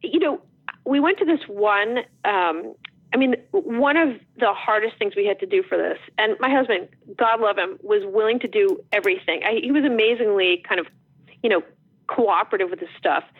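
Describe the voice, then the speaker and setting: A middle-aged woman from New Jersey, an author guest telling stories in a lively, animated way with quick restarts. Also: medium pitch, slightly rough, no echo. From New Jersey, USA. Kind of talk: casual interview chat. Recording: tinny phone line, dry.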